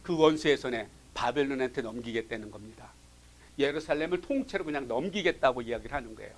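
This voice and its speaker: Leading a Bible study, this man speaks fast at a medium pitch. He's lively, moving between booming emphasis and quiet asides, and he performs the quoted voices.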